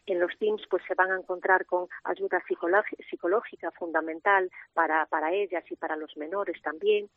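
A woman's voice: lowish voice, steady tone, moderate pace, few pauses, dry recording. A woman giving hesitant, explanatory interview answers over the telephone. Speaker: interviewee, head of a women's support centre. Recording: thin, band-limited telephone line.

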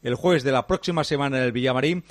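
A man's voice: mid-range voice, fast. A man giving a football match report on the radio, fluent but with some hesitation fillers.

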